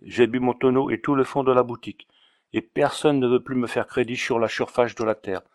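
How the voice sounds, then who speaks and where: A man's voice: medium pitch, steady tone, no echo, studio quality, lightly acted. A man doing a slurring drunken Auvergnat porter. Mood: pleading. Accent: Auvergnat slur, 'ch' for 's'. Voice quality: slurred lisping 's' as 'ch'. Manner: slow, whiny and pleading. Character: drunken Auvergnat water carrier, coarse and pleading. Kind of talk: audiobook reading.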